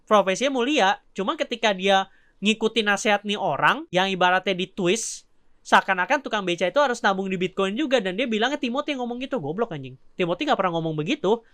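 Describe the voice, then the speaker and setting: A woman's voice: medium pitch, a bit bright, no echo, studio quality. A woman with Jakarta slang, ranting bluntly and profanely as a vlogger, scolding her viewers. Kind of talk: ranting commentary.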